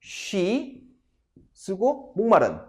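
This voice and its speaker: Lively, slow-paced male English teacher. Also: high voice. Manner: drills sentences slowly, addresses viewers directly. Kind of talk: English grammar lesson.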